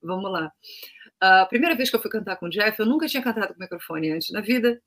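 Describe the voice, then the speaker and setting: A woman's voice: medium pitch, lively intonation, fast, a bit bright. A woman with a Brazilian Portuguese accent, an opera-trained singer, telling anecdotes in a casual interview and acting out the voices of the people she quotes.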